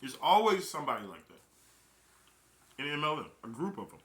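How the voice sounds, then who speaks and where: Young guy giving a pep talk, keeps repeating himself for emphasis, kinda high voice, echoey room. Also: sing-song, normal speed, background noise. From Chicago, Illinois. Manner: emphatic, repeats key phrases. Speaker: network marketing recruiter. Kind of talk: casual motivational talk. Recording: roomy echo.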